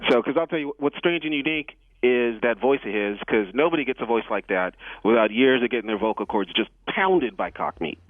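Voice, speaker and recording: A man's voice: mid-range voice, animated, no echo. Guy calling in on a tinny phone line, bouncy up-and-down voice, cheeky and provocative, dry sound. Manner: provocative, mock-outraged, quick to put on voices. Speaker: caller. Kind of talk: casual phone call to a radio show.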